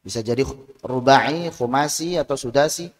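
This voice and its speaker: A man's voice: mid-range voice, moderate pace, long reverb tail. A man teaching a Quran pronunciation class, sounding out letters and syllables for his students to repeat. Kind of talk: tajwid lesson.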